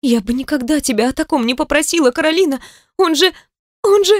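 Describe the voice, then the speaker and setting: A woman's voice: high-pitched, expressive, fairly quick, dry recording, clean studio sound, voice pushed up. A woman voicing an angry young woman, the younger sister, speaking in a tense, clipped, hissing way in an audiobook. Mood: shocked. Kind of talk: audiobook character voice.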